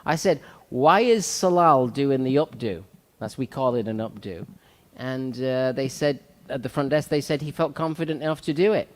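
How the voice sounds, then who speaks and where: A man's voice: mid-range voice, moderate pace. Guy host giving a pep talk on work, repeats himself, lots of ums, reverby room. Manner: earnest, repetitive, motivational, with frequent fillers. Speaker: salon owner and show host. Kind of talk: motivational talk-show chat. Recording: long hall reverb.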